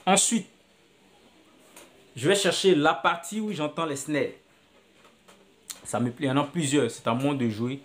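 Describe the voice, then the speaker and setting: Against a noisy background, a man with a slightly high voice walks through video editing on a phone app in a screen-recorded tutorial. He's unhurried and pauses often, thinking aloud, moving step by step and restating his actions as he goes.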